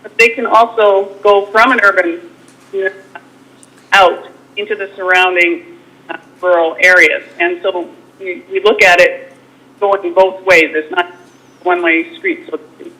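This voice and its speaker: A woman consultant giving a remote presentation in a halting way, her cell phone audio breaking up and cutting in and out. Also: lowish voice, fairly even intonation, bright, forceful tone. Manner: halting, many restarts and fillers. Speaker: wildfire consultant presenting to a council. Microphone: cell phone on a remote call. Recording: broken-up cell phone line.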